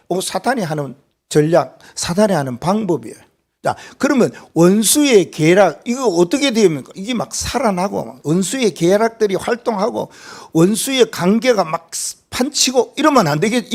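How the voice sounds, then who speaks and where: A male pastor with a Gyeongsang accent delivers a Sunday sermon. His voice is high and swings widely in pitch. He keeps turning to the congregation with rhetorical questions. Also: a little mellow.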